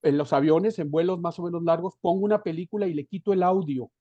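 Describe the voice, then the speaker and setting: A man's voice: high-pitched, fast talker, no room sound. A man in his fifties, a guest copywriter talking on an online call with headphones, rambling and digressive with many restarts. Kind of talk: casual conversational interview. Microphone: headphones on a video call. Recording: dull lo-fi online call audio.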